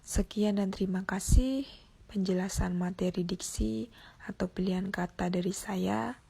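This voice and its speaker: Young woman, husky tone, gravelly edges, reading a class presentation from notes, steady delivery. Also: mid-range voice, unhurried. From Indonesia. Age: young adult. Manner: reads steadily from notes, with small restarts. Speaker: university student presenting. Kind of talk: read-aloud class presentation.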